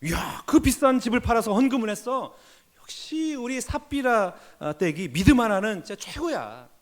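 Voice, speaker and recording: A man's voice: very high-pitched, very animated, normal speed, voice pushed up. A man acting out a woman who brags about her generous gift to the church, in a showy self-praising way. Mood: boastful.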